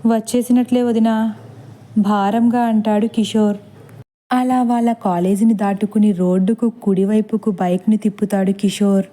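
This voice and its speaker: A woman narrating a horror story in a steady, measured storybook style. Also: mid-range voice.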